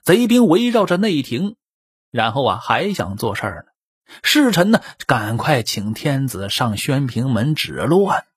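A man telling a traditional historical tale, animated, swinging between loud exclamations and quiet asides. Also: medium pitch, unhurried, husky, no echo, clean studio sound. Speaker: storyteller. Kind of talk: traditional Chinese storytelling.

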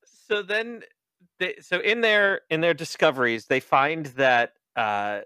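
A man hosting a podcast, casually recapping a book in an animated, joking way, cursing freely and acting out quoted lines. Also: a little high, slow, clear, resonant tone, no echo, clean studio sound. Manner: animated, profane, joking, with exaggerated quoted voices. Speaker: podcast host.

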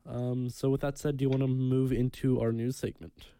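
Young male podcast co-host, warm mellow tone, dry close sound, relaxed with lots of ums. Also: medium pitch, moderate pace, smooth, no echo. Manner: relaxed, many ums, reads news aloud. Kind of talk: casual podcast chat.

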